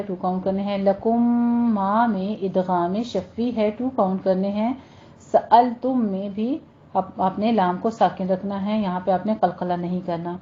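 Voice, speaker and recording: Woman, recitation teacher, slow patient modelling of sounds, mellow voice, muffled lo-fi sound. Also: medium pitch, a little hiss or hum. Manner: patient, repeats each word slowly and corrects common mistakes.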